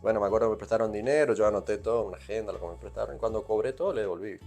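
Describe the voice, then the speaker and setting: A man's voice: on the low side, very fast, vocal fry, darkish tone, soft background music. A man from Corrientes, Argentina, with an Argentine accent, telling his life story in a casual interview and filling his talk with "¿viste?". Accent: Argentine Spanish, Corrientes. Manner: rambling anecdotes peppered with "¿viste?". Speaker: guest musician.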